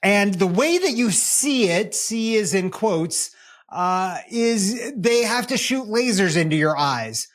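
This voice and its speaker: A man's voice: sits high, slow pace. A man co-hosting a casual tech podcast, joking and riffing with sarcastic asides. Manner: joking, animated, sarcastic riffs. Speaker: podcast co-host. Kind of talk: casual chat.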